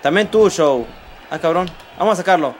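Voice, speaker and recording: A man with a Mexican accent giving excitable let's play commentary, swearing a lot and talking to viewers as he plays. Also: a little high, moderate pace. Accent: Mexican Spanish. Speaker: gaming channel host.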